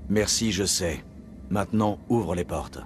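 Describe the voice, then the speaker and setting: An actor playing a composed, authoritative military commander in a video game, terse and matter-of-fact. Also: male voice, deep voice, expressive, unhurried, slight background noise. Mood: terse, firm. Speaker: commander, special agent.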